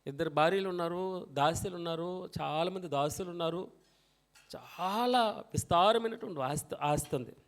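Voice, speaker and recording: A man with a high-pitched voice preaches a sermon. He drops to quiet, low passages, then rises to loud, emphatic reading of scripture. He calls on the congregation to read each verse aloud with him. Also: normal speed.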